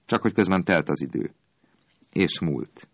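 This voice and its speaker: A man reading a storybook aloud in an expressive, dramatic storytelling manner. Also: low voice, slightly rough, no room sound. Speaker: narrator.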